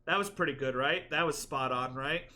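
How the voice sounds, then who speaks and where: A young man rambling through casual gameplay commentary, jokey and full of restarts. His voice sits high and has a bright, forceful edge. Game music plays faintly underneath. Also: normal speed. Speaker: gaming commentator.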